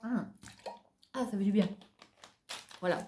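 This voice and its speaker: A woman's voice: mid-range voice, measured pace, mellow, slight background noise. Chatty French woman doing a product haul. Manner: chatty, tags most phrases with "hein"; gushing about products. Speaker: haul vlogger. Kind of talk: casual product haul chat.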